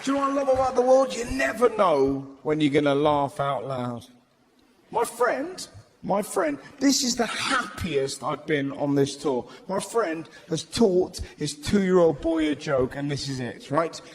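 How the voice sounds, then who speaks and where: A man's voice: fairly high pitch, unhurried, slight background noise. A man doing stand-up comedy on a large theatre stage, telling stories with energy and acting out voices, recorded live with audience laughter. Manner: energetic storytelling with acted-out voices.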